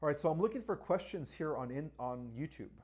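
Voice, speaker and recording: A man's voice: fairly high pitch, animated, a little fast, darkish tone. A man with a Spanish accent hosting a live-stream question-and-answer session, talking emphatically and often checking in with "all right" and "right?". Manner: asks viewers to like and share. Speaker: livestream host.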